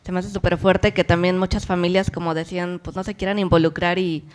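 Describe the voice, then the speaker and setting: A woman on a talk show, relaxed and conversational. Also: on the low side, brisk. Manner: relaxed, conversational, tag questions.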